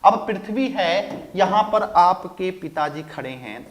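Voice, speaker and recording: A man's voice: high voice, animated, slow. A male physics teacher giving a recorded lecture, asking rhetorical questions, answering them himself and repeating key phrases.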